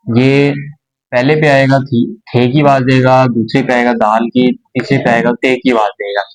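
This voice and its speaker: A man of average pitch teaching a beginner's language class. He explains step by step, slowly and patiently, pausing and repeating points as he goes. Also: little pitch movement, low-quality recording. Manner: slow, patient explanation with pauses and repetitions. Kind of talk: explaining a lesson.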